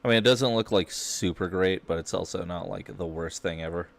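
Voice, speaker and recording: Gaming streamer, male, low register, casual muttered play-by-play. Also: a little fast, creaky. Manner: offhand, muttering to himself. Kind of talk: casual gameplay commentary.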